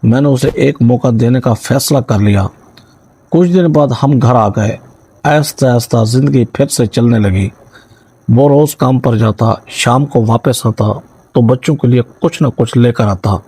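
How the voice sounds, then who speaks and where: Guy reading a story out, mellow husky voice, dry close recording. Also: mid-range voice, no room sound, poor audio. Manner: steady dramatic first-person reading. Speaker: narrator. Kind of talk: scripted storytelling narration.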